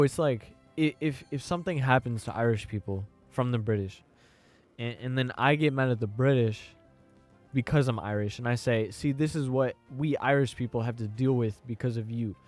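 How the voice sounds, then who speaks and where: A young American man talks on his podcast in a loose, rambling way. He often stops to search for words and keeps asking if you follow him. Faint music plays underneath his voice. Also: mid-range voice. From United States. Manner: rambling, hesitant, full of "you know what I mean". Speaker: podcast host. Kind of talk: casual opinion monologue.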